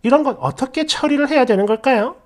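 A woman narrator reading online posts and comments aloud in a lively, mocking manner. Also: high-pitched, fast. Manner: lively, mocking, laughs at the stories. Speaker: story channel narrator.

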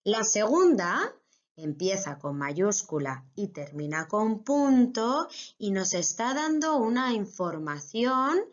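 Patient Spanish teacher explaining to kids. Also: female voice, mid-range voice, dull audio. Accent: Spain Spanish. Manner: patient, explains step by step to children. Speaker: primary school teacher. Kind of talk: recorded online grammar lesson.

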